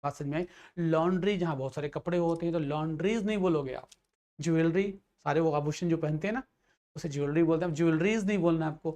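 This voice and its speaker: A male teacher explains English grammar rules in Hindi, with a voice a little higher than most men's. He talks patiently, mixes in English phrases and keeps checking that his students have understood. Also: fast talker, mellow. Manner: explains patiently, repeats checks like "theek hai". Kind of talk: grammar lesson for exam students.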